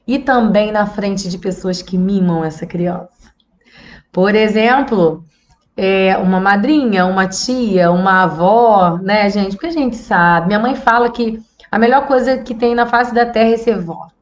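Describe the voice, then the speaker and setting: A woman's voice: mid-range voice, unhurried. A Brazilian woman psychologist giving parenting advice in a casual, chatty way, often checking in with the viewers. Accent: Brazilian Portuguese. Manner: chatty, tags sentences with "tá?" and "gente". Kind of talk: casual educational talk to viewers.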